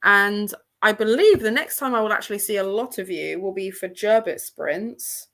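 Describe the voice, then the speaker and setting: In a mid-range, slightly bright voice at normal speed, a woman with an English accent runs a casual book livestream. She's nursing a sore throat in a room at her parents' home, talking in a chatty, rambling way punctuated by frequent laughter.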